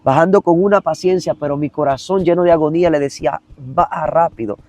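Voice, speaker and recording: A man's voice: on the high side, quick pace, a little mellow, no room sound. Earnest man giving a testimony. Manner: earnest, repetitive, addresses the listener directly. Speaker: evangelist guest. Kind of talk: emotional personal testimony.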